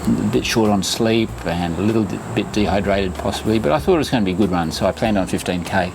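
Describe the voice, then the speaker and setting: A man's voice: fairly low pitch, fast, creaky, noisy background. A man in his sixties talking casually to camera as a running vlogger, chatty, instructive and reassuring as he shares tips. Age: 60s.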